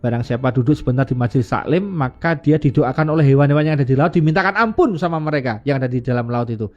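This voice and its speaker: A man's voice: lively intonation, fast talker, darkish tone. A man, a religious teacher telling stories on a radio show and acting out the voices in them. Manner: acts out dialogue with raised pitch. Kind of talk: storytelling sermon. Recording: dull lo-fi radio sound with faint music.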